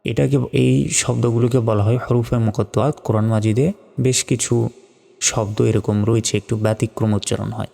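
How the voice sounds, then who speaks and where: A man teaching Quran recitation, carefully spelling out each letter and vowel mark, then chanting the words in long drawn-out tones. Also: on the low side, steady tone, gravelly, warm tone, long reverb tail. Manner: slow, deliberate spelling out, drawn-out melodic recitation.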